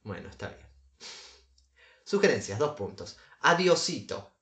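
A man's voice: a little high, expressive, normal speed, echoey room. A man co-hosting a casual comedic podcast, reading advice aloud with dry asides and chuckles. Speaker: podcast co-host.

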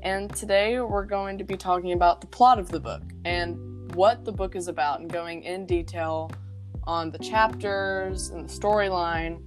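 A woman's voice: on the low side, steady tone, unhurried, soft background music. A young woman co-hosting a podcast, chatting casually about a book in a rambling way with lots of fillers. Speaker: podcast co-host.

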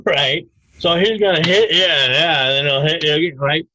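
A man explaining self-defense techniques in a podcast interview, animated and emphatic, breaking into loud mock outbursts. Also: on the high side, unhurried, highs cut off, a little hiss or hum.

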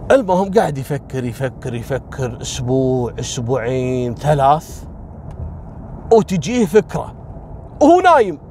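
A man's voice: lively intonation, normal speed, warm tone, a little hiss or hum. A man telling a spoken story casually, lifting his voice to act out the characters. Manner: acts out quoted characters with raised pitch.

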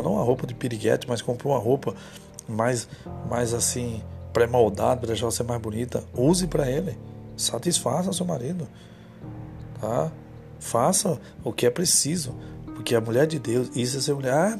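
Gravelly preacher over music. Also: male voice, medium pitch. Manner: storytelling, then direct exhortation to women. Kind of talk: sermon.

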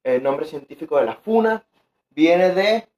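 A man's voice: on the high side, animated, unhurried, darkish tone. Young guy, podcast co-host, jokey and rambling, muffled lo-fi sound. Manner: joking, rambling with many fillers. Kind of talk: casual chat. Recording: dull lo-fi sound.

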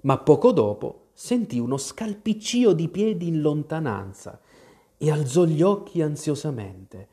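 Man reading a storybook aloud, warm and lively. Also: a little high, unhurried. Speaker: narrator.

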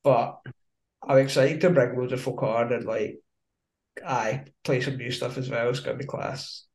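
A man's voice: mid-range voice, steady tone, normal speed. Scottish guy w broad accent hosting a podcast, matey slangy chat, bit of an echoey room. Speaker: podcast host. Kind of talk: casual interview chat.

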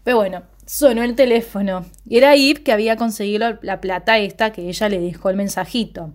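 A young woman with an Argentine Rioplatense accent, recapping a TV series in casual chat. She tells the story with energy and jumps up in pitch to act out what the characters say. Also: brisk. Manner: animated storyteller, jumps high to act out quoted lines.

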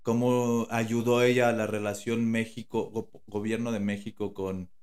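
A man's voice: fairly low pitch, little pitch movement, moderate pace, darkish tone. A man with a Mexican Spanish accent co-hosting a podcast in casual chat, slangy and rambling, with many fillers and restarts. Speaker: podcast co-host.

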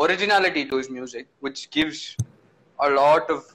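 A man's voice: fairly high pitch, quick pace, fairly bright tone, poor audio. A man with a South Indian accent from Tamil Nadu, chatting casually and emphatically about film music, switching between English and Tamil.

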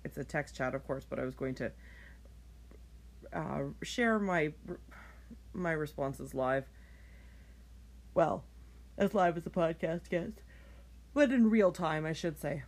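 Sleepy woman rambling on her late night podcast, low voice, self-deprecating. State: tired, yawning. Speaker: podcast host. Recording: home recording, phone held up for clip.

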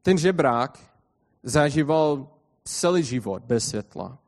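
A man's voice: mid-range voice, expressive. A man preaching a sermon, reading scripture aloud and explaining it to his congregation. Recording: long hall reverb.

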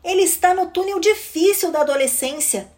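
A woman voicing a patient, practical mother in a storybook reading, calm and matter-of-fact. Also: extremely high pitch, moderate pace, pitched above the performer's own voice.

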